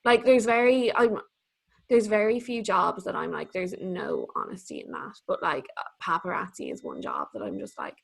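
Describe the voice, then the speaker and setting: A woman's voice: fairly low pitch, sing-song, normal speed, vocal fry. A young woman in her twenties co-hosting a podcast, chatting casually and swearing freely. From Ireland. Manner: chatty, swearing, laughing often. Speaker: podcast co-host. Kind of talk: casual chat.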